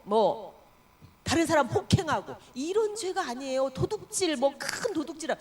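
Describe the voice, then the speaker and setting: A woman preaching a sermon in a high voice whose pitch swings widely. She tells her story with animated emphasis and sinks into quiet asides. She keeps asking the congregation questions. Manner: asks the congregation rhetorical questions. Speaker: pastor.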